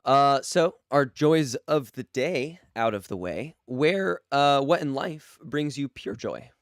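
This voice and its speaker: A man hosting a casual podcast interview, rambling and halting, with a slightly gravelly, tired voice after a late night. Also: medium pitch, lively intonation, no room sound, clean studio sound. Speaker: podcast host.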